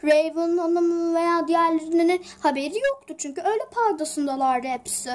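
A woman's voice: extremely high pitch, moderate pace. A woman voicing a polite, timid office cleaner in a homemade toy drama, deferential and hesitant. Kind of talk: toy-figure home drama.

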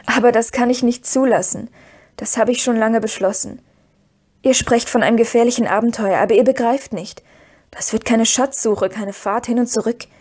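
A woman reading the part of Frodo, a worried young male hobbit who speaks hesitantly and gravely. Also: fairly high pitch, fairly even intonation, moderate pace, a little mellow. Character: earnest young male hobbit, burdened and anxious.

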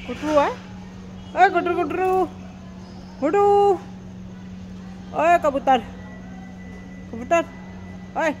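Recorded at night on a hand-held phone beside a parked tractor during a bus trip, a travel vlogger in her thirties narrates casually and coaxes a pigeon with playful baby talk. Her voice is high-pitched and slow, she pauses often, and background noise is present.

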